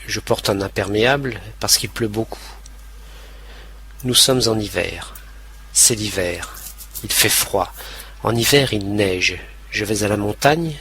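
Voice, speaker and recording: A man reading scripted narration for language learners, slow and clearly enunciated. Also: on the low side, a bit bright, slight background noise.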